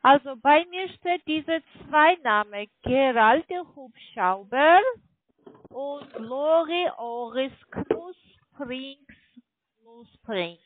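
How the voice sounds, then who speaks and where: A high-voiced, animated woman with a foreign accent pitches online trading for a call centre in non-native German. She speaks haltingly, keeps pressing on and often seeks confirmation. The muffled phone line sounds dry and narrow, with no echo and fluctuating microphone volume.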